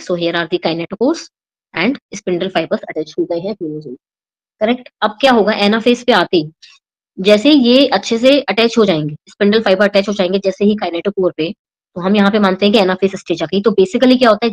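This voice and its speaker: A woman's voice: medium pitch, rough recording. Indian woman teaching biology, checking in often. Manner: explains slowly, checks in with "ठीक है?" and "right?" after each point. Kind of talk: exam-prep lesson, mixing Hindi and English.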